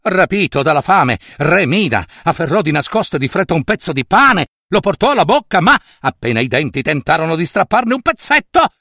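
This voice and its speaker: A man narrating a story in an expressive way, speaking directly to his listeners. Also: a little high, fairly quick, creaky, few pauses, no echo, studio quality.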